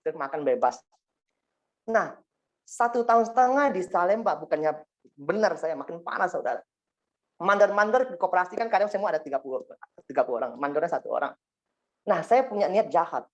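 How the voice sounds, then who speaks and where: A man giving a spoken testimony to a congregation, telling his story in a rambling way with frequent asides to the listeners. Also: a little high. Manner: rambling storytelling, frequent 'ya kan' and 'singkat cerita' asides. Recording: dull lo-fi recording.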